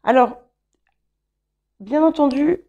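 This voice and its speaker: A woman whose first language is English, giving a calm, reflective tarot guidance reading with gentle encouragement. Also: high-pitched, slow, highs cut off. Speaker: tarot reader.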